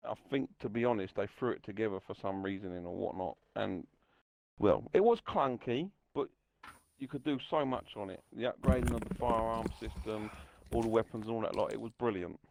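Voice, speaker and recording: Casting: man, mid pitch, blunt, keen gamer banter, dry close mic. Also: fairly quick, vocal fry, a little mellow, dry recording. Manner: enthusiastic, blunt, banter with mild swearing. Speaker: gaming stream co-host. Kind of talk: casual chat on a gaming stream.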